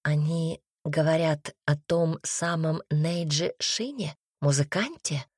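A wry young man who murmurs his remarks in a low, mocking tone, as a woman reader voices him. The voice sits well below the reader's own, and the dry recording keeps it close. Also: sing-song, normal speed, slightly rough, dry recording, heavily acted. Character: young man, wry and sly travel companion. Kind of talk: audiobook character reading.

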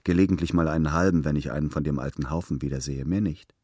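A man voicing a timid, modest middle-aged male clerk who talks quietly and quickly. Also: extremely low pitch, fairly even intonation, slightly rough, dry recording, studio quality.

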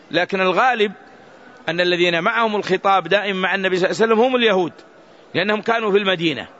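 A high-pitched man gives a religious lesson, patiently explaining and repeating words to drill how they are said. The recording is dull and lo-fi. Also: fairly bright tone. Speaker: Islamic scholar teaching a book.

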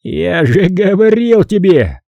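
Brief: hoarse, blustering studio boss, pushed up high and loud as a man voices him in an audiobook. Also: sing-song, moderate pace, dry recording, lo-fi sound. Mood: angry. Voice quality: hoarse, bellowing. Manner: shouts and gloats.

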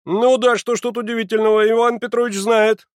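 A man reading a novel aloud and voicing an excitable young man who pleads and defends himself in a raised, plaintive voice. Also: very high voice, fairly quick, clean tone, no room sound, studio quality, pitched above the performer's own voice. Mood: pleading, agitated. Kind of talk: audiobook character reading.

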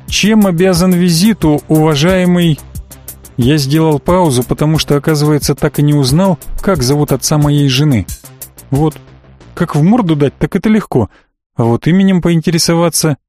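A man's voice: a little high, a little mellow. A man narrating a first-person audiobook in a sardonic, mocking tone.

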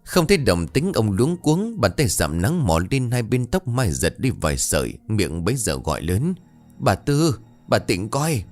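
A man reading a ghost story aloud in a dramatic, expressive way. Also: on the low side, normal speed, few pauses, faint music behind. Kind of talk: scripted horror narration.

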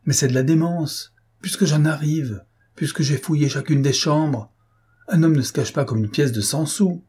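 A man reading the part of a blunt, indignant deputy police chief in an audiobook, with a husky voice. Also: lowish voice, fairly even intonation, a little slow, dark tone.

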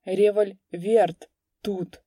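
A flustered country constable who mumbles and trails off, caught out and embarrassed, read by a woman. Her voice stays low and warm, recorded dry and close as a storybook. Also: animated, unhurried, no room sound. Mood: nervous. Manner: mumbling, stammering. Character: flustered rural police constable, man.

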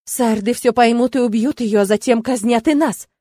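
A woman's voice: fairly quick, mellow, close to an everyday voice. A woman reading the part of a frightened, spiteful young woman on the edge of hysteria in an audiobook. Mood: panicky. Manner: shrill, contemptuous.

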